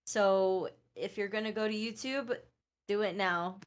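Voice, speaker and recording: A woman co-hosts a laid-back podcast in a voice of ordinary middle pitch. She talks in a chatty way, hedging her points and padding them with fillers and asides. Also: steady tone, measured pace, clean tone. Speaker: podcast co-host and streamer. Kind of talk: casual podcast chat.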